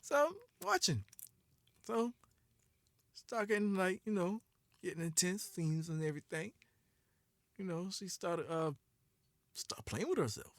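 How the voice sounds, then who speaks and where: A man in his thirties tells a long story on a podcast, laughing often and talking in a casual, animated way. His voice is bright, and his pitch swoops widely. The recording is dry and close. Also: a little slow, long pauses, dry recording. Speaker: podcast co-host.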